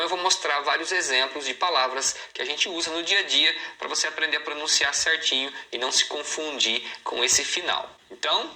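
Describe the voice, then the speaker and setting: Bright-voiced Brazilian man teaching English. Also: on the high side, rough recording. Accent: Brazilian Portuguese. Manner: explains patiently, models words slowly and repeats them. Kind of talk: recorded online lesson.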